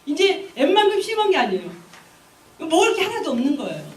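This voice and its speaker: High, lively woman preaching in an echoey hall. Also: brisk, far from the mic, a little hiss or hum. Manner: animated storytelling, exhorting. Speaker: evangelist. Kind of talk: sermon. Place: church.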